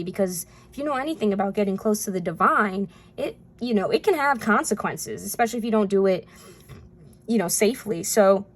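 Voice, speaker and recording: A woman talks through a tarot card reading in a loose, chatty way. She rambles, circles back to her points and fills the gaps with casual fillers, at a middle pitch for a woman. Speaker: tarot reader.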